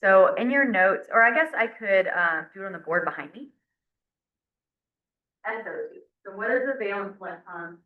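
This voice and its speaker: A woman's voice: medium pitch, expressive, moderate pace. Woman teaching chemistry in an echoey classroom. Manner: explains step by step, counts aloud. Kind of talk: classroom lecture. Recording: roomy, dull lo-fi classroom recording.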